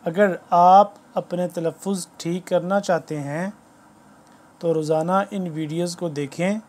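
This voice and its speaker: A man's voice: sits high, steady tone, a little mellow. Man teaching Quran letter reading. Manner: patient, explanatory, slowly spells out letter drills aloud; formal greeting to viewers.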